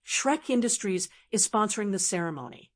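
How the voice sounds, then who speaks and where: A woman's voice: mid-range voice, lively intonation, fairly quick, lightly acted. A woman voicing a knowing, sarcastic young female assistant with dry wit. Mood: wry.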